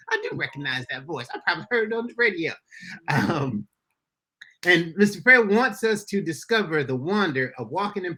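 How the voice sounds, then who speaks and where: Upbeat high-voiced pastor hosting a podcast. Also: male voice, bright, forceful tone. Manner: upbeat, folksy, addresses listeners as y'all. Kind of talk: casual podcast chat. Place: Florida.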